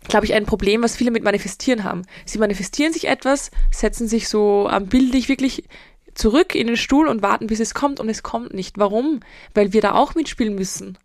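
A woman's voice: a little high, no echo, clean studio sound. A woman hosts a solo podcast, answering listener questions in a direct, emphatic, motivational way. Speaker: podcast host and mental coach.

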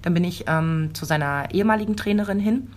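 Woman in her 40s telling a story, lowish voice, acts out the voices, chatty. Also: fairly quick, a little hiss or hum. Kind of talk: casual chat.

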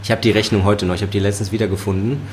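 A chef and sommelier with a Ruhr-area German accent swaps stories on a relaxed podcast, laughing often and leaning on fillers. His lowish voice comes out rapid-fire, over a little hiss or hum.

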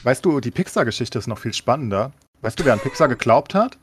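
A man's voice: medium pitch, lively intonation, fast, a little hiss or hum. A man co-hosting a casual podcast, explaining things at length as if giving a lecture, with frequent filler words. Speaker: podcast co-host. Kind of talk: casual chat.

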